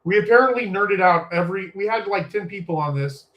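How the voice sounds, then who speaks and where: A man with a notably high voice hosts a podcast in a loose, casual way. He teases his co-hosts and keeps the talk moving with jokes. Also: expressive, brisk, dull audio. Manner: teasing, jokey host. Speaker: podcast host. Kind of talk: casual chat.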